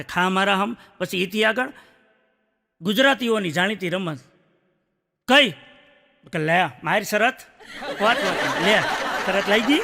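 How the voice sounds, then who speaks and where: A man's voice: high voice, background noise. A male stand-up comedian telling jokes to a live audience, chatting casually and acting out the people in each story with short quoted lines. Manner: chatty storyteller, acts out judges and wives in quick quotes.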